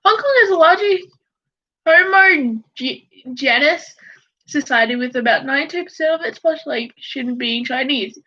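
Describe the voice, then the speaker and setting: A young woman vlogging in casual chat, reading facts aloud, stumbling over words and swearing in loud outbursts. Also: high voice, normal speed. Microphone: computer mic. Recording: dull lo-fi home recording.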